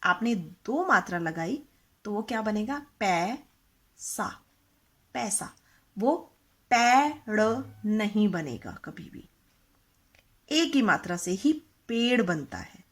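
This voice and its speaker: A woman teaching young children how to read and write, explaining slowly and patiently, asking questions and repeating words for them to practice. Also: mid-range voice, sing-song, breathy edge. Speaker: Hindi teacher.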